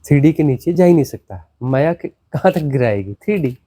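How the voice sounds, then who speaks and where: A man's expressive, mellow voice with a breathy edge carries a satsang discourse at a moderate pace, recorded cleanly in a studio with no echo. The spiritual teacher repeats words, asks rhetorical questions, and swings his pitch dramatically.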